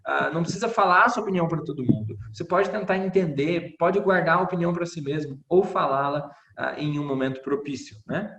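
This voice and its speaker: A man's voice: fairly high pitch, fairly bright tone, reverberant, slight background noise. A man teaching an online Bible class, speaking reflectively and asking many rhetorical questions. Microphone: video call.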